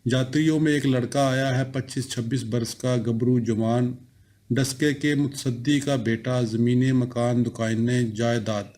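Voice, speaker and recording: An eager, proud village father from an audiobook, read by a man in his own voice. His tone is earnest and mellow, and it stays even as he tells his news. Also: medium pitch, a little slow, natural voice.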